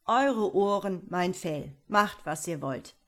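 A woman voicing a young simpleton hero who answers calmly and cheekily. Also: on the low side, slow. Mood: sly.

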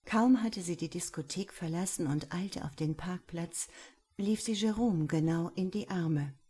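A woman narrates a story in a calm, measured way. Her voice is dark and husky. She reads slowly. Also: fairly low pitch. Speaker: audiobook narrator. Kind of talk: scripted narration.

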